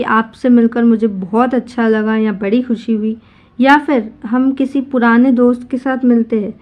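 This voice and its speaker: A woman teaching spoken English in Hindi, saying each English phrase slowly and clearly. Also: on the high side, muffled recording.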